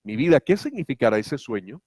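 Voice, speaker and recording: A man's voice: mid-range voice, sing-song, brisk, a little mellow, slightly rough, no echo, studio quality. A man voicing a wife who sweetly coaxes her husband about a birthday gift, raising his voice for her. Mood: wheedling.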